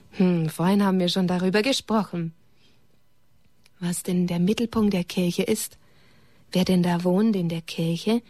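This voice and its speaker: A woman reading a religious story aloud to children in a gentle way, turning to them with questions and sometimes dropping to a whisper. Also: mid-range voice, no room sound, clean studio sound.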